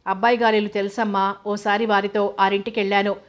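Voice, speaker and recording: A woman's voice: medium pitch, level tone, a little fast, lightly acted. A woman voicing a respectful male household servant in an audio novel, speaking deferentially.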